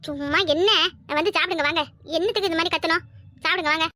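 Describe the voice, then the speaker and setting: A woman voicing a harried, sharp-tongued village daughter-in-law in a cartoon, grumbling in a Kanyakumari Tamil accent. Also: very high voice, steady tone. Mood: tart, dismissive. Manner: grumbling, quick, scolding. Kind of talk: cartoon voice acting.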